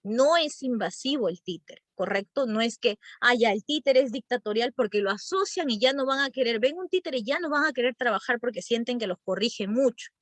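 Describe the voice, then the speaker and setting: A woman's voice: fairly high pitch, lively intonation, fairly quick, hardly any pauses, no room sound. Woman teacher, tag-question lecturing. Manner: explanatory, frequent tag questions. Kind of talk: workshop lecture.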